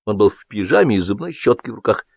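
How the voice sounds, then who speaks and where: A man narrating a satirical story in an expressive, lively reading. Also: lowish voice, fast talker, vocal fry, no echo. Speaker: audiobook narrator. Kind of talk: scripted narration. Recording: dull dry audiobook recording.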